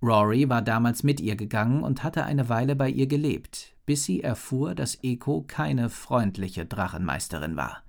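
A man narrating a children's fantasy story in a lively, expressive reading. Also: mid-range voice, normal speed, creaky, few pauses. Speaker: audiobook narrator.

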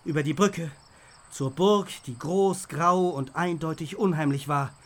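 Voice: mid-range voice, unhurried. A narrator reading a children's audiobook in the first person, playful, with comic asides.

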